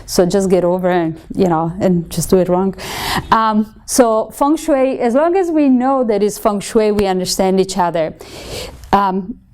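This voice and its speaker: A woman from Italy with an Italian accent, giving a conversational lecture to students and often pausing with ums and correcting herself. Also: medium pitch, darkish tone. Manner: conversational teaching with frequent ums and self-corrections. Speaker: feng shui instructor.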